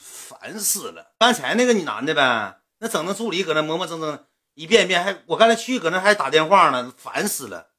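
A man's voice: a little high, big pitch swings, fairly quick, pushed and bright, pitched above the performer's own voice, full character voice. A man mimicking a fed-up, huffy young woman. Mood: exasperated. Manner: exasperated, huffy.

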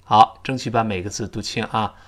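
A man teaching a spoken English lesson in Chinese, modelling English phrases slowly with a Chinese accent for listeners to repeat. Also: on the low side, fairly even intonation, fairly bright tone.

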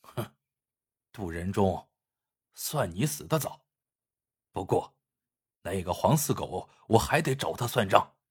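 A male storyteller voicing a hard, vengeful young bandit who talks gruffly and coldly. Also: sits low, animated, takes it slowly, long pauses, voice pushed down, full character voice. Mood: bitter. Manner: gruff, cold and menacing.

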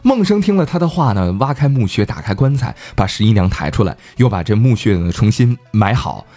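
A man hosting a podcast, telling a folk tale in a chatty, animated way. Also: on the low side, fairly quick. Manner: chatty, animated, laughing asides. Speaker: podcast host. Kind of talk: casual storytelling.

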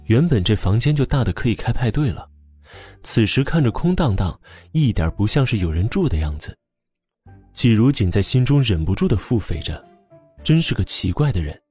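A man narrating an audiobook drama with expressive storytelling. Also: fairly low pitch, normal speed, breathy edge, faint music behind.

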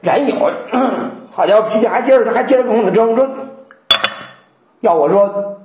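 A woman lecturing on classical poetry, telling stories in an animated way and acting out quotations. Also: fairly high pitch, moderate pace, noisy background. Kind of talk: lively storytelling lecture. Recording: roomy echo.

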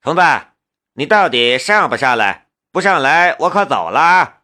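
Guy putting on a snotty rich teen boy, higher voice, mocking then stuttering, slightly off-mic sound. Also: big pitch swings, normal speed, sharp tone. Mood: sneering. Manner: taunting, stammers when scared. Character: arrogant, sneering rich teenage boy.

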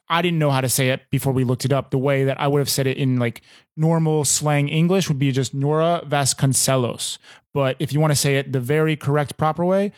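A young American man from New York, chatting casually as a guest and teaching how to say names, in a relaxed, slangy way. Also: medium pitch, dry recording, clean studio sound. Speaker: guest teaching name pronunciation. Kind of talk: casual chat.

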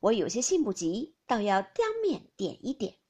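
A woman reading aloud as a bantering, sharp-tongued noble lady who scolds with a laugh. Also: medium pitch, sing-song, normal speed, breathy edge. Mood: teasing.

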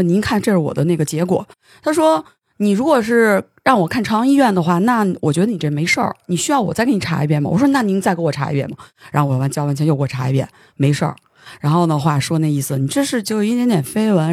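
A host tells a long story in casual studio chat, words tumbling out quickly and sometimes stammering. The voice is husky and breathy. The sound is dry and close to the mic. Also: medium pitch, no room sound. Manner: animated storytelling, stammers when excited. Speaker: podcast host.

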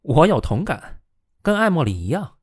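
A man reading the lines of a shrewd, easygoing young college student in a storybook reading, with a measured, wry delivery. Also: on the high side, sing-song, breathy edge, dry recording, clean studio sound, pitched above the performer's own voice. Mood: musing.

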